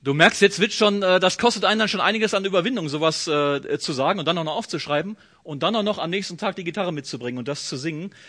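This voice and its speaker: A pastor with a high voice preaches quickly, barely pausing, as he speaks directly to the listener. He expressively acts out the prayers he quotes.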